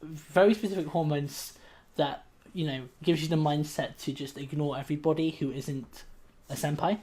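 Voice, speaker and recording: A man with a slightly high voice co-hosting a casual podcast. He chats loosely, stumbling through ums and restarts before landing on a joke. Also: fairly even intonation, moderate pace, darkish tone. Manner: hesitant, full of ums and restarts. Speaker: podcast co-host.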